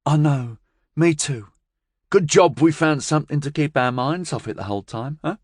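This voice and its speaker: A man's voice: fairly high pitch, moderate pace, dry recording, clean studio sound, pitched above the performer's own voice, natural voice. A male narrator voicing an anxious, sheepish young man who talks earnestly. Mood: worried. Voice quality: earnest, worried.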